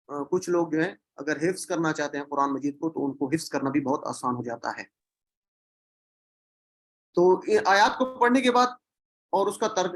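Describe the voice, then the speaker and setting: A man teaches an online Quran class in a voice a little higher than most men's. He keeps asking the students questions. He repeats the key words so they stick.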